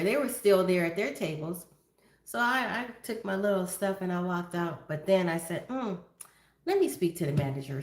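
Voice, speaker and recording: Woman, 50s, livestream host, casual chat, low-ish voice, echoey room. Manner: chatty, greets viewers by name, drifts into stories. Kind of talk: casual livestream chat reading viewer comments.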